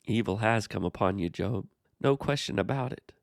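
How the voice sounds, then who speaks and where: A man hosting a Bible study, explaining the passage in a measured way and speaking to the character directly. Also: fairly low pitch, creaky, dry recording, studio quality. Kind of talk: scripture commentary dialogue.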